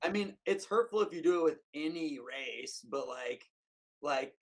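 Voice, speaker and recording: A man's voice: on the high side, expressive, unhurried. A man chatting as a podcast guest, rambling and emphatic, full of "like" and "you know". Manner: rambling, filler-heavy, emphatic. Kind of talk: casual conversation.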